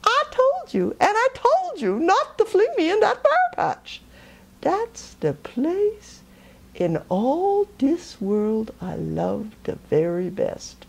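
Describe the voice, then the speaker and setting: Brer Rabbit, a woman doing a squeaky pleading trickster. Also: wildly swooping pitch, takes it slowly, vocal fry, full character voice. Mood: gleeful. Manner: exaggerated begging, mock fear. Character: sly pleading small male rabbit trickster.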